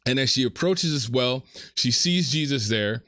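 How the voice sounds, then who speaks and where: A man's voice: medium pitch, lively intonation, normal speed, pushed and bright, dry recording, studio quality. Casual slangy man retelling scripture. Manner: casual and slangy, with frequent repeats and fillers. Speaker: speaker retelling a Bible story. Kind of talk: casual storytelling sermon.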